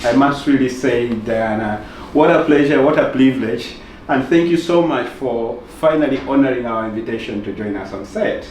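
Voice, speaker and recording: A man's voice: mid-range voice, normal speed, darkish tone, reverberant, far from the mic, slight background noise. A man hosting a news channel interview on set, talking effusively with many fillers and hesitations. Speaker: interview host. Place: studio set with roomy sound.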